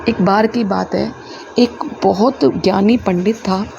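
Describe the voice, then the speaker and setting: Gentle woman giving a devotional talk, creaky voice. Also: medium pitch, steady tone, takes it slowly, music in the background. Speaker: devotional satsang speaker. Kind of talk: devotional discourse with moral storytelling. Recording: muffled lo-fi with clear background noise.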